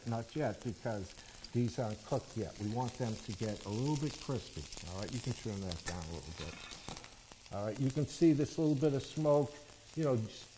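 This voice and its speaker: The recording is low quality with slight background noise, capturing a middle-aged male chef with a warm, mid-range voice. Demonstrating a dish on an indoor studio kitchen set, he explains every step and keeps asking "okay?" and "all right?".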